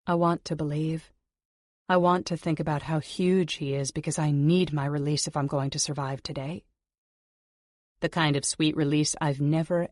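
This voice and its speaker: A woman reading a first-person audiobook in an intimate manner, sometimes dropping into soft whispers. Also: low-pitched, no room sound, studio quality. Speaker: audiobook narrator. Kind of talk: scripted first-person narration.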